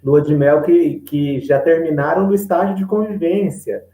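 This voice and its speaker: A Brazilian man moderating a panel, speaking in a measured, reflective way and often tagging his sentences with questions. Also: a little high, steady tone, dark tone. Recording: echoey room.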